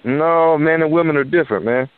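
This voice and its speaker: A man's voice: a little high, a little fast, clean tone, dry recording. A man calling in to a radio show over the phone, asking questions and saying "like" a lot. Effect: phone line on a radio show. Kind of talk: casual call-in chat. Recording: tinny phone line on the radio.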